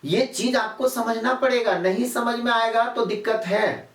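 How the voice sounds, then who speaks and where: A man's voice: very high voice, a little slow, a bit bright. Male teacher, rhetorical questions, distant mic. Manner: repetitive, quizzes students with rhetorical questions. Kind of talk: classroom chemistry lecture. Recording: echoey room, mic far off.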